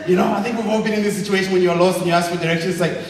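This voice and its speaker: A young man from Zambia, doing an energetic, rabble-rousing stand-up comedy set and shouting his punchlines. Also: high voice, racing, heavy reverb, long reverb tail, distant mic, slight background noise, rough recording. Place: comedy club stage. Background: audience laughter.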